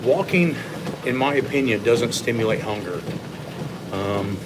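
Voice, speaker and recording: A man with a fairly low voice gives casual, conversational fitness coaching as he walks on a treadmill. He answers viewers in a measured way and offers his own opinions. Clear, steady machine noise runs behind his voice. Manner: talking while walking on an incline treadmill. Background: treadmill running noise.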